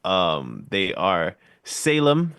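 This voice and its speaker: A man guest with a somewhat low voice talks in a relaxed, rambling way over a remote call. The sound is dry and close. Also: drawn-out words, creaky, smooth, no room sound. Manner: laid-back, rambling. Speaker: band member guest. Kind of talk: casual interview chat. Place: home studio.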